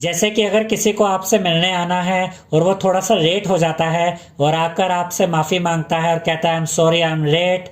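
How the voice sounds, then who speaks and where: A man with an Indian accent teaching everyday English phrases, saying each phrase slowly before explaining it in Hindi. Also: high voice, level tone.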